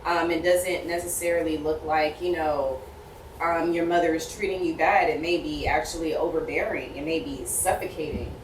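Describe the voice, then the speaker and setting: A woman's voice: low-pitched, steady tone, normal speed, a little hiss or hum. A woman co-hosting a podcast, talking in a reflective way with a lot of fillers. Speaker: podcast co-host. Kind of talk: casual chat. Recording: roomy echo, distant mic.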